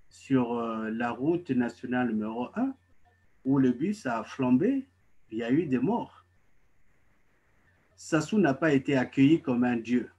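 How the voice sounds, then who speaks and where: Husky middle-aged man on a lo-fi video call. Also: mid-range voice, a little mellow. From Congo. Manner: emphatic, halting with many restarts. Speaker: guest. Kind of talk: political commentary on a call. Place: home living room. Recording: dull lo-fi video call audio.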